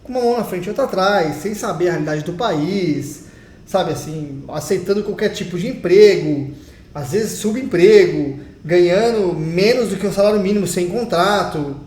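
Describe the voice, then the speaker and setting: A young man from Brazil, accent clearly Brazilian Portuguese, speaks at a moderate pace in a high, somewhat mellow voice. He's a vlogger making a casual opinion video at his home in Portugal, chatting emphatically and straight to his audience. The sound carries a roomy echo.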